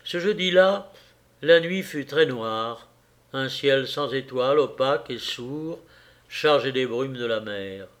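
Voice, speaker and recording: A man reading a classic novel aloud in a measured, solemn manner with long pauses. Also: medium pitch, animated, a bit bright. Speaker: audiobook reader. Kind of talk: literary narration.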